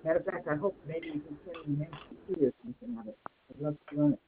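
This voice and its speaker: A caller on a speakerphone, hard to hear, sharing quietly and gratefully with halting pauses. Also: medium pitch, vocal fry, background noise. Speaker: caller on a community call. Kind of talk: casual soft-spoken sharing. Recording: tinny, dry phone line.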